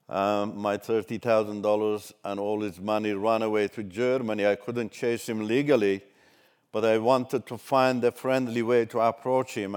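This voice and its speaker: His voice medium-pitched, clear and resonant, an older man from Iran shares a personal testimony as a ministry speaker. Turkish is his first language, and his delivery is measured and halting.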